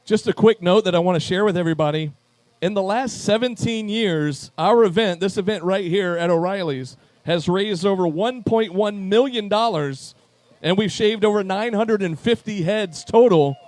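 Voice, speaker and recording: A man works as emcee at a live charity event in a pub and calls people up to chairs by name. He sounds upbeat and talks on a handheld mic. His voice sits high for a man, and the sound is dry and close. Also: normal speed, few pauses, darkish tone, dry recording. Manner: upbeat, calling names to chairs.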